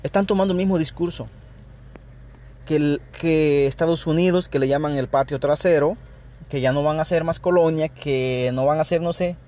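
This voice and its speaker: In a spontaneous solo podcast, a Salvadoran host speaks Spanish with his native accent in a slightly high, mellow voice at a moderate pace. He comes across as earnest and opinionated, often restarting sentences and checking in with "ok."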